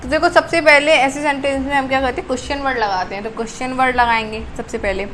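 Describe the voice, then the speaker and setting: A woman's voice: sits high, steady tone, fast talker, a bit bright, a little hiss or hum, low-quality recording. A woman teaching an English grammar lesson. She asks questions and answers them herself, and corrects her own slips as she goes. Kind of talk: classroom-style grammar lesson.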